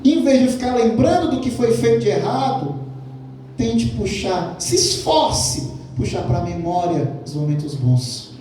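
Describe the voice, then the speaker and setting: A man's voice: high-pitched, lively intonation, measured pace, mellow, a little hiss or hum. A male pastor delivering a sermon, asking the congregation questions and repeating phrases for emphasis. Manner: preaching with rhetorical questions to the congregation. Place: church hall. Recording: very echoey church hall, mic at a distance.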